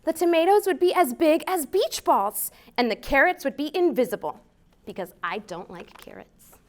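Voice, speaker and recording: An American woman hosting a library storytime reads aloud to young listeners in an expressive, deliberate way. Her voice sits high.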